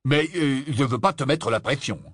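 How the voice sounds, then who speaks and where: A man's voice: mid-range voice, normal speed, husky, no room sound, clean studio sound, pitched above the performer's own voice, close to an everyday voice. A man voicing a joking, teasing father in an audiobook reading. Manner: joking, sheepish. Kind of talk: audiobook character voice.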